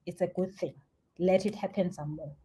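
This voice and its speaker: A young South African woman giving spiritual advice in a casual live stream, animated and chatty, sometimes dropping to a soft near-whisper. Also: on the low side, normal speed, breathy edge. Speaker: spiritual teacher answering viewer comments.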